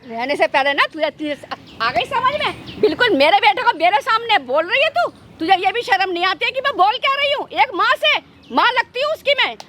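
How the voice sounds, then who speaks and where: A woman's voice: very high-pitched, big pitch swings, a little fast, few pauses, sharp tone, a little hiss or hum, full character voice. A woman playing a stubborn, indignant elderly mother-in-law who scolds her daughter-in-law in a staged family quarrel skit. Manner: scolding, reproachful.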